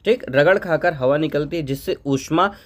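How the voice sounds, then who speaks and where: A man's voice: a little high, moderate pace. A man teaching a Hindi grammar lesson for an exam, asking questions and answering them himself, spelling out letters one by one. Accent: North Indian Hindi.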